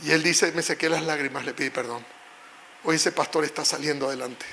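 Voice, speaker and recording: A middle-aged male pastor preaching an emotional sermon, telling a personal story and rising at times to shouts. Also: fairly high pitch, fairly even intonation, a little fast, a little hiss or hum.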